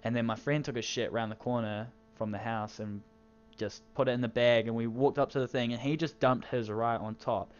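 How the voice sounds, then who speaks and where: A teenage man tells a story in a loose, rambling way, swearing at almost every turn. He speaks at an ordinary pitch for a man. The recording is dull and lo-fi, with faint music underneath. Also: fairly even intonation, a little fast, clean tone. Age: teens. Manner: crude, swears constantly, rambling. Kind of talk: casual storytime narration.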